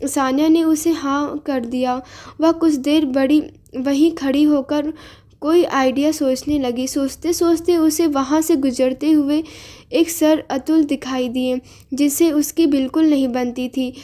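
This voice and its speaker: A woman storyteller narrating a tale in a steady, expressive reading voice. Her pitch sits high, and the tone stays mellow and soft. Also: unhurried.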